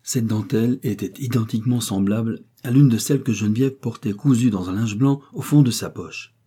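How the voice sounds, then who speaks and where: A man narrating a classic novel as an audiobook in a measured, expressive reading. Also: fairly low pitch, husky.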